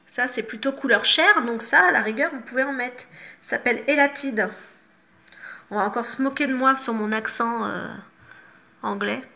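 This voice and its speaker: Bright-voiced woman giving a makeup tutorial. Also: on the high side, normal speed, creaky. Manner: chatty and instructive, self-mocking asides. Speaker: makeup vlogger.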